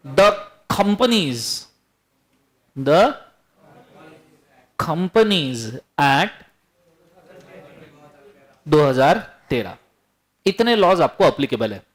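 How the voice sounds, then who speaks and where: A law teacher with a notably high voice gives a classroom lecture to a room full of students. His manner is lively and teasing, and he fires questions at the class as he goes.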